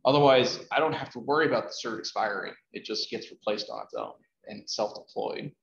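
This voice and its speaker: A man speaking at a meetup, answering audience questions in a relaxed, hesitant way with many ums and uhs. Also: lowish voice, fairly quick, creaky. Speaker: conference speaker. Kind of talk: conversational Q&A talk. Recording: roomy, dull, faint noise.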